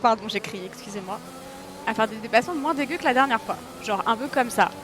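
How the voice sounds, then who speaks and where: Excitable female streamer, self-mocking, talking to her chat, slightly high pitched, game engine roar in the mix. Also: quick pace. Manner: excitable, talks to her audience, yelps and self-mocks. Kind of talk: live gameplay commentary. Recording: racing game engine noise behind.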